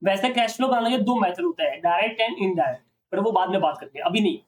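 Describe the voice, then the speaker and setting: A male accounting teacher lecturing a classroom, often pausing to ask students questions to check they follow. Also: high-pitched, lively intonation, distant mic.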